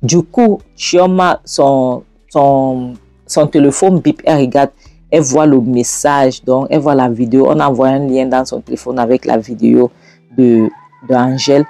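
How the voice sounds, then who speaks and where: A man casually retells a film scene by scene, rambling and often restarting his sentences. His voice is mellow and the sound is dry and close. Faint music plays behind him. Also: medium pitch, fairly even intonation, normal speed, creaky, no room sound. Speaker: movie recap narrator. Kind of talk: casual film recap narration.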